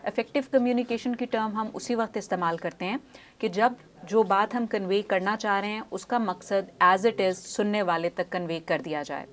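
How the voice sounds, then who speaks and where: Studio interview में एक महिला स्पीच पैथोलॉजिस्ट, जो उदाहरण देकर धीरे-धीरे समझाती है और बीच-बीच में अंग्रेज़ी वाक्यांश बोलती है।. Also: female voice, medium pitch, normal speed. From Pakistan. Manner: explanatory, uses examples, mixes English phrases. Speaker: speech pathologist guest. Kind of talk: studio interview, explaining. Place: news studio.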